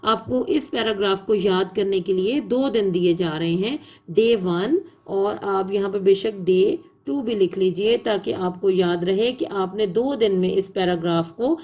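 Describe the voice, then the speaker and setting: A woman English teacher, reading a passage aloud very slowly, word by word, then explaining the homework quickly to her students. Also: mid-range voice, warm tone. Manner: reads English text very slowly word by word, repeating phrases; explains quickly in conversational instruction. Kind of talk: online class lesson, reading aloud slowly for dictation.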